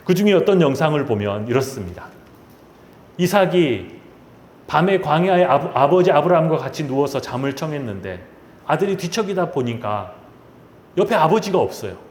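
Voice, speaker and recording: A man's voice: a little high, expressive, normal speed, darkish tone, a little hiss or hum. A man preaching a sermon as senior pastor, telling a story dramatically and asking many rhetorical questions. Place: church sanctuary. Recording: roomy church echo.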